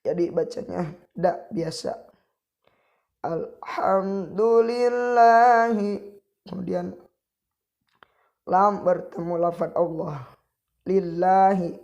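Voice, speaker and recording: A man from Indonesia teaching Quran recitation, patiently repeating syllables, contrasting right and wrong sounds, and chanting verses in a drawn-out way. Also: sits high, a little mellow. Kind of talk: tajwid recitation lesson. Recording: dull lo-fi recording.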